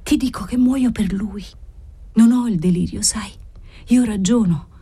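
A woman voicing a delirious young woman of twenty, dying and desperate, moving from breathy whispers to high, pleading cries in an audiobook reading. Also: a little slow, warm tone. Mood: insistent. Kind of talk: audiobook character voice.

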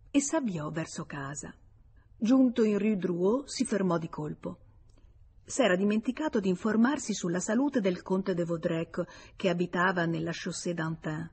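A woman reading a novel aloud as an audiobook narrator, in a steady, even storytelling manner. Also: on the low side, breathy edge. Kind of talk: scripted literary narration.

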